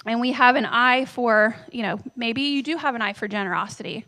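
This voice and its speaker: A woman's voice: on the high side, a little fast, pushed and bright. A woman in her thirties preaching a sermon in a church on a handheld microphone, talking conversationally, telling family stories and asking the audience questions. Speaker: pastor.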